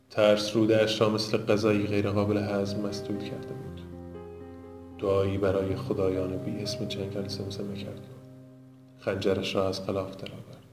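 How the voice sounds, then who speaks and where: Low, flat-voiced male storyteller. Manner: measured, dramatic storytelling. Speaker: narrator. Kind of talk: scripted audiobook narration. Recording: roomy with background music.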